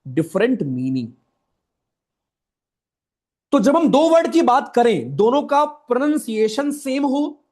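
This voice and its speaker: A man's voice: high voice, a little mellow. A young man with a Hindi accent teaching an online class, chatty and informal, repeating key points and checking in with students. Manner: chatty, addresses students as brothers and friends; repeats key points, asks "right?" often.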